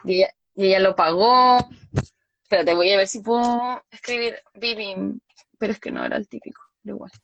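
A woman's voice: mid-range voice, a little fast, creaky, no echo, highs cut off. A young Chilean woman chatting casually, telling a story with laughs and acted-out quotes. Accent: Chilean Spanish. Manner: animated, laughs often, acts out quoted lines.

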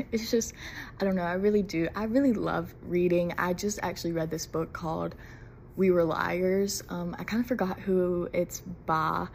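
Here a young adult podcast host from Mississippi talks alone on her first episode, giggling nervously and rambling in casual chat. She sounds lowish, gravelly and a bit mellow, and there's a little hiss or hum.

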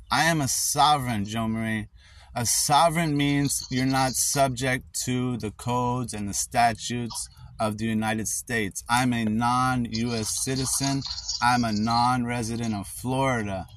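A man's voice: mid-range voice, a bit bright, no echo. A man pleading with a case worker on a phone call, insistent and repeating her name. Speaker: father in a custody dispute.

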